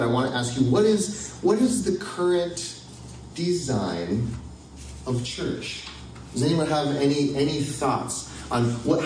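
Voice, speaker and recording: A man's voice: medium pitch, darkish tone, reverberant, distant mic, slight background noise, low-quality recording. A man giving a conversational sermon with wry humor, asking his audience for ideas. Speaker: pastor. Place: church hall with audience.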